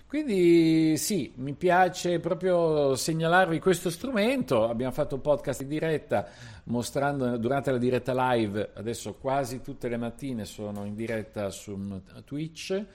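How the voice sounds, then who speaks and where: A man hosting a tech podcast, chatting casually and thinking aloud as he clicks through software. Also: medium pitch, unhurried.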